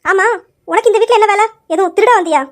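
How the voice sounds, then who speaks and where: A sneering, spoiled young woman, played by a woman trades insults in an amateur story drama. The voice sits very high and runs quickly, scornful and taunting throughout. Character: rude spoiled young woman guest, sharp-tongued.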